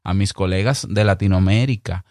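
Clear-spoken Dominican man giving podcast advice. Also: low-pitched, a little mellow, dry recording, studio quality. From Dominican Republic. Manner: emphatic, direct, speaks slowly and clearly on purpose. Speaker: podcast host. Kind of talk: advice talk to fellow podcasters.

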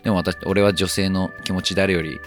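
A man's voice: deep voice, steady tone, a little fast. A man co-hosting a podcast, giving casual advice in an earnest, joking way. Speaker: podcast co-host. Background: faint music.

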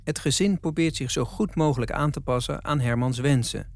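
A man narrating a documentary in a calm, measured, scripted way. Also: medium pitch.

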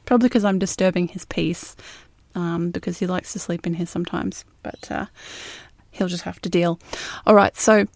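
A woman's voice: on the low side, steady tone, normal speed, vocal fry, a little mellow, no echo. An Australian woman hosting a podcast in casual solo talk, recorded inside a closet. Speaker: podcast host.

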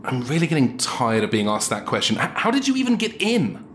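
A man's voice: mid-range voice, wildly swooping pitch, fairly quick, a bit bright, slight background noise. [name], a man playing a sarcastic, flustered sidekick. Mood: exasperated. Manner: dry, sarcastic, stammers when flustered. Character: exasperated, sarcastic man dragged into a heist.

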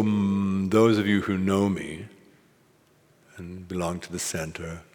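Slow, gravelly Zen teacher in a hall. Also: male voice, low-pitched. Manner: informal, musing, with fillers and asides. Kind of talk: dharma talk. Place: meditation hall at a retreat.

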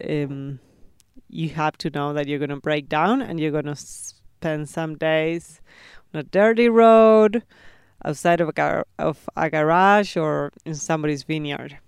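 Easygoing woman with a crisp voice. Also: deep voice, no room sound, clean studio sound. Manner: easygoing, relaxed storyteller. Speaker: podcast co-host. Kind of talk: casual chat.

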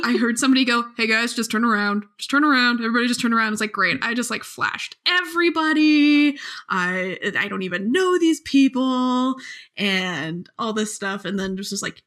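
A woman archaeologist telling a story in casual podcast chat, lively and often laughing. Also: mid-range voice.

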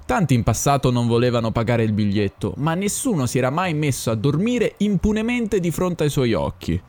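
Expressive man reading a story. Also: medium pitch, brisk. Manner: expressive, acting out the characters. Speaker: narrator.

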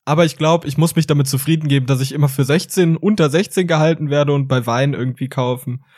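Husky 20s guy rambling on a podcast, kinda high voice, dead dry sound. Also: no echo. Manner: animated storytelling with acted quotes. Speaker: podcast host. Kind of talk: casual chat.

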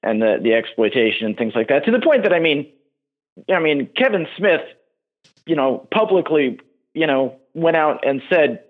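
A man's voice: a little high, very animated. Hesitant male caller on a tinny phone line. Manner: hesitant, halting, many restarts. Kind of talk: casual call-in chat.

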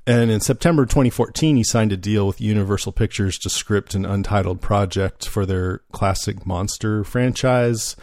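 A man with a lowish voice co-hosts a relaxed podcast, reading from his notes and dropping casual asides. His voice is recorded close and dry, with no room sound. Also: normal speed, few pauses, dry recording. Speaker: podcast co-host.

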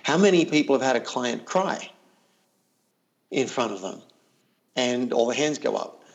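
Gravelly earnest male coach. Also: mid-range voice, animated, a little slow. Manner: earnest, reflective, repeats words. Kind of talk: casual interview chat.

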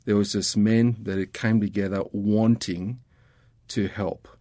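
Middle-aged Australian man, guest, earnest and reflective, low-pitched, dry close sound. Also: fairly even intonation, unhurried, mellow, no room sound. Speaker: guest, ministry worker. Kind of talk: casual conversation.

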